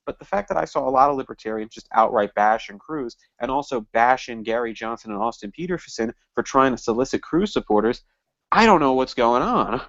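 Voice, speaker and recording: Animated emphatic man, lively pitch. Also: a little fast, no echo. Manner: emphatic, animated, talks in bursts. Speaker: guest, party office candidate. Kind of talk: podcast interview. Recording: dull lo-fi dry sound.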